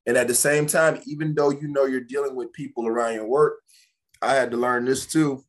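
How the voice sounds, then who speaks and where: A man's voice: medium pitch, fairly even intonation, fairly quick. A man in a casual podcast conversation, speaking animatedly, often restarting and repeating phrases as he gives advice.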